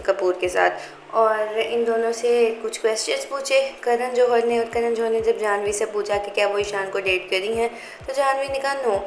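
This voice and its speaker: A woman's voice: fairly high pitch, roomy sound, a little hiss or hum, rough recording. A woman hosting a celebrity gossip channel, giving a scripted, chatty narration and mixing English words into her talk. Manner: chatty, reads viewer comments aloud, mixes English into Hindi.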